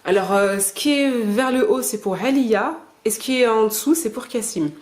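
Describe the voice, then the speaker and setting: A mother filming at home, teaching her children and explaining her lessons in a casual, hesitant way. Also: on the high side. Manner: hesitant, fills pauses with "euh"; patient, encouraging with the children.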